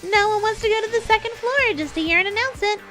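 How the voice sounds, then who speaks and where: A woman's voice: very high-pitched, fast talker, bright, forceful tone, faint music behind, voice pushed up. A woman voicing a gleefully sinister killing game announcer, mocking and singsong, toying with captives in a theatrical villain announcement. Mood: gleeful menace.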